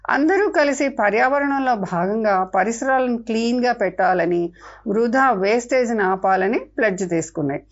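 An older woman, a children's author, narrating a story for kids in a gentle, expressive way. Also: on the high side, moderate pace. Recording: dull lo-fi with faint music.

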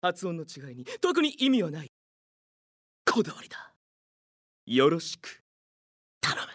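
A man's voice: fairly high pitch, huge pitch swings, a little slow, a bit bright, no room sound, studio quality, full character voice. A man playing a vain, flamboyant teenage student actor in an anime audio drama, declaiming in a pompous, grandiose way. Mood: grandly introducing himself. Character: vain theatrical student actor boy, flamboyant and self-admiring.

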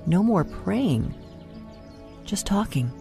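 Woman, meditation host, very relaxed tone, slow pacing, soft soothing delivery, guided prayer. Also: medium pitch, vocal fry. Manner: soft, soothing, unhurried delivery with long pauses. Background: music.

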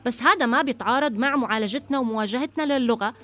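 Rapid-fire Jordanian woman, opinionated. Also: on the high side, a bit bright. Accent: Jordanian Levantine. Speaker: podcast co-host. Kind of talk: casual conversational banter.

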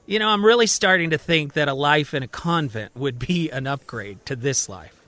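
A woman's voice: lowish voice, animated, normal speed, a bit bright, no echo. A man voicing Marion, a wry, sarcastic single woman doctor, in a one-man audio story.

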